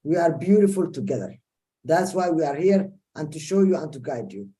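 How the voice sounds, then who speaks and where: A woman from Somalia introducing herself haltingly on a video call as a guest speaker. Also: low voice, very animated, warm tone. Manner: halting, with restarts. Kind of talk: self-introduction.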